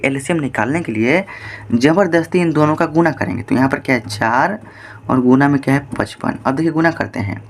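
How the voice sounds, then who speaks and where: A patient male math teacher with a slightly higher voice for a man, explaining a board problem step by step. He repeats himself often and keeps asking rhetorical questions to carry the class along. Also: slight background noise.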